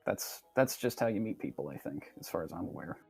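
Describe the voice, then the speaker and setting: Lively-voiced man plugging himself dryly. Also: low-pitched, a little fast, slightly rough, soft background music. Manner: mock-earnest self-promoting, dry. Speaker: podcast guest, YouTuber. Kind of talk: casual comedic podcast chat.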